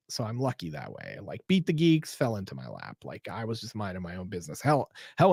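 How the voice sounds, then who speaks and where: A man's voice: medium pitch, gravelly, darkish tone, slightly rough, no echo, clean studio sound. A man of fifty hosting a casual livestream, rambling and self-deprecating, restarting his sentences often. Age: 50s. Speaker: livestream host.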